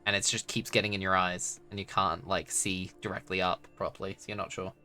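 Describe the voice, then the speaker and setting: A man's voice: deep voice, flat delivery, a little fast, bright, forceful tone, faint music behind. A man acting as game master, narrating a tabletop game in a casual, improvised style.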